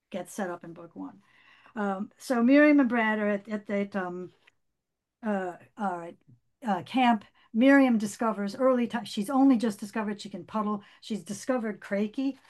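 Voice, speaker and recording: A woman author chatting in an interview, then reading aloud from her own book; she talks in an animated way, with many restarts. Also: mid-range voice.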